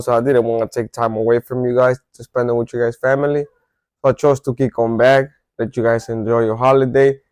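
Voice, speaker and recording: Telling his life story casually to the camera, a vlogger from El Salvador keeps starting over and correcting himself as he talks to his viewers. He has a medium-pitched, darkish, smooth voice, recorded with no echo.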